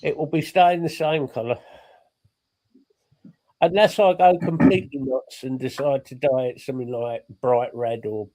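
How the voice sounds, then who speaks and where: A man from England in casual chat, emphatic and quick to correct others, talking over a remote call. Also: mid-range voice, fairly even intonation, warm tone. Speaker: podcast co-host. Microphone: remote call setup.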